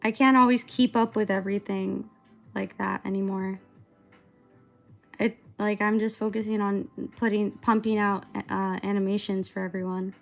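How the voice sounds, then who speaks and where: Creaky-voiced young woman rambling casually. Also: medium pitch, fairly even intonation, normal speed, soft background music. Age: 20s. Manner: rambling, hesitant, filler-heavy. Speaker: streamer and animator. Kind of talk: casual livestream chat while drawing.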